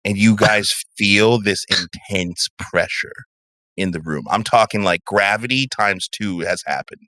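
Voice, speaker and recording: A man runs a tabletop game in a bright, forceful voice that sits a little low. He narrates scenes dramatically and swears freely. The recording is dry and close. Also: a little slow, no room sound. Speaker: game master.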